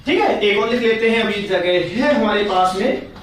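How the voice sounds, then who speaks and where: A man's voice: high voice, normal speed. A man teaching a chemistry class, patient, repeating points and asking his students questions. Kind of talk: classroom lecture. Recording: very echoey room, distant mic, faint noise.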